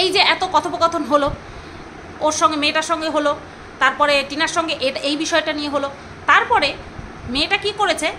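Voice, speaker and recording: A woman's voice: high-pitched, bright, forceful tone, a little hiss or hum, rough recording. A woman vlogger, telling a personal grievance story with indignation, repeating herself and throwing insults. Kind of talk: angry personal storytime vlog.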